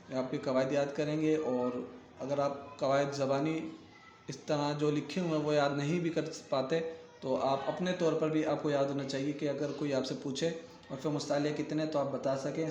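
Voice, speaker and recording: A man's voice: on the high side, a little mellow, slight background noise. Patient man teaching letter sounds, echoey. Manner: patient, repeats letters and checks in often; stretches letter sounds long when reciting. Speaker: Quran reading teacher. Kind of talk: recorded lesson.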